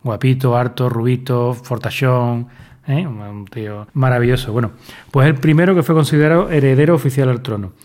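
A man from presents a history segment on a podcast. He talks in a joking, informal and chatty way, with a voice that sits in a middle pitch. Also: brisk, a little mellow. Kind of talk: casual comedic chat.

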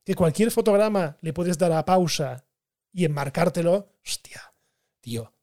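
Lively high-voiced Spanish man. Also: normal speed. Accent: Spanish from Spain. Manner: animated, laughing, swears casually. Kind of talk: casual film discussion.

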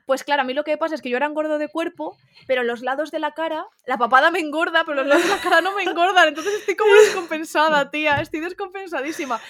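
Fast, high-voiced woman storyteller. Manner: animated storytelling, swears freely. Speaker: podcast co-host. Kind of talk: casual chat.

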